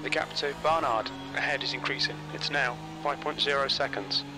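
A man's voice: fairly high pitch, steady tone, moderate pace, over music, close to an everyday voice. A man voicing a race engineer in a racing game, giving terse, clipped calls. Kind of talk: scripted game voice lines.

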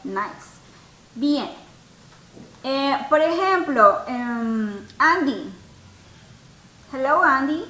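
A woman's voice: sits high, expressive, extremely slow, pauses often, pushed and bright, echoey room, poor audio. A woman teaching English in an online class, patiently asking students questions and mixing with English. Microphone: video call.

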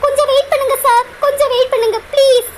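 A timid young village woman in a cartoon, with a squeaky, very high voice and a Kanyakumari Tamil accent. She pleads anxiously and keeps deferring to the man she loves. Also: steady tone, fast talker, a little hiss or hum. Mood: tearful. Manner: pleading, keeps saying sir. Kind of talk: cartoon voice acting.

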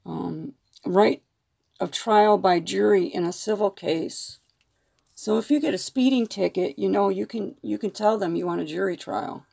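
Gravelly slow-talking woman vlogger. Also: mid-range voice, dark tone. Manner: frank, rambling, opinionated, with mild swearing. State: losing her voice. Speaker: nail art vlogger. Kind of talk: casual talk to camera.

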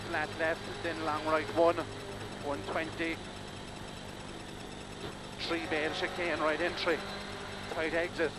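Casting: male rally co-driver, clipped pace-note delivery, even pitch, recorded in-car under heavy engine din. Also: slow pace, pauses often. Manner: terse, clipped calls of directions and numbers. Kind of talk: rapid rally pace notes. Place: inside a rally car at speed on country lanes. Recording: very loud car engine noise. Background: loud engine and vehicle noise.

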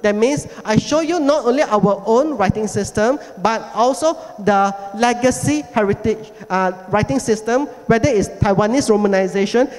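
A man giving a lecture presentation, explaining carefully and slowly repeating key words. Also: high-pitched. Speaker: heritage forum speaker. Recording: long hall reverb.

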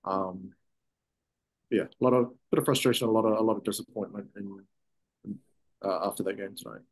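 With a fairly low voice and fairly even intonation, the defender, a man in his thirties, responds to reporters after the game over a video call, poorly recorded. He sits before a sponsor backdrop in the press room, frequently breaking off and restarting amid fillers.

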